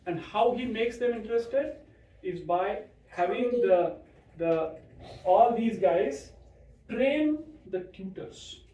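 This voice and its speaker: A man's voice: sits high, lively intonation, slow pace, mellow. A man hosting a class for children, talking casually with many restarts and checks like "right?". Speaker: host introducing a guest to kids. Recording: echoey room, far from mic.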